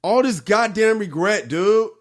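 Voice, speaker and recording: A man's voice: high-pitched, measured pace. A man co-hosting a podcast, ranting in a heated, profane way with his voice climbing. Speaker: podcast co-host. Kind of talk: casual podcast chat.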